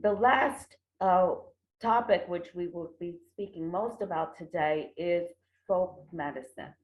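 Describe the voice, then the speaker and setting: The conference talk comes from a middle-aged woman from the United States who studies traditional medicine and presents remotely from a room indoors. Her fairly low voice is measured and punctuated by pauses, while the online connection makes the sound tinny, echoey and phone-like.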